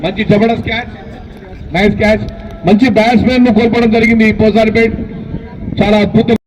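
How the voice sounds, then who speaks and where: A man's voice: high voice, level tone, quick pace, a little mellow, a little hiss or hum. A man with a Telangana Telugu accent giving informal live amateur cricket commentary outdoors, chatting directly to the players. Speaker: local cricket match commentator. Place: outdoors at a local cricket ground. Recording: distant outdoor sound from the mic.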